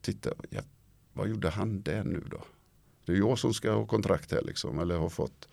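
A middle-aged man, an interview guest, telling a funny anecdote in a casual, lively way, often ending his sentences with little tag questions. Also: sits low, creaky, dry recording. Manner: lively storyteller, tags sentences with "va?" and "liksom".

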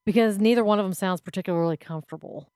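A woman's voice: medium pitch, very fast, mellow, smooth, no echo. A middle-aged woman co-hosting a podcast, chatting casually with dry, understated quips. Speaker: podcast co-host. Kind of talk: casual chat.

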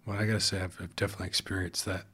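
A man with a very low voice talks casually about faith with his podcast partner. He speaks in a relaxed, halting way and often restarts his sentences. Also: slightly rough. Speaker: podcast co-host.

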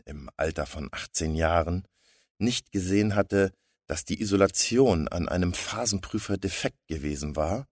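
Male storyteller, very low and husky, dry close recording. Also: moderate pace, darkish tone, no room sound. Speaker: narrator. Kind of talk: storybook reading.

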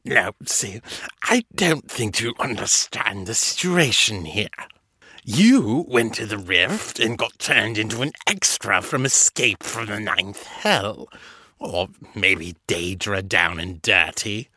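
A man voicing a hushed, menacing monster villain. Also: fairly low pitch, expressive, slow pace, breathy edge, no room sound, exaggerated voice. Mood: taunting. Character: sneering monstrous male villain with tentacles.

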